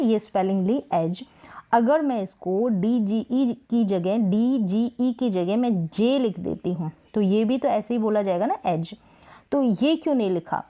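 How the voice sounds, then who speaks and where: A woman teaching English spelling rules, patiently repeating example words slowly for practice. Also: mid-range voice, dark tone. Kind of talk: Hindi-language spelling lesson.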